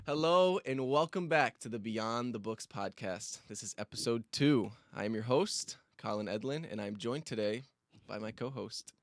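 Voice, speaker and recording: A man's voice: medium pitch, expressive, moderate pace. A young man hosting a casual podcast, teasing and joking with his co-host and laughing often. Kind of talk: casual chat. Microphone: studio podcast microphone.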